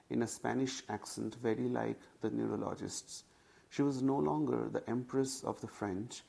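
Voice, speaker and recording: A man reads a literary memoir aloud in a low, gravelly voice. His delivery is measured and unhurried, each phrase placed with care. The tone stays calm and reflective, like an audiobook narrator. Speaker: audiobook reader.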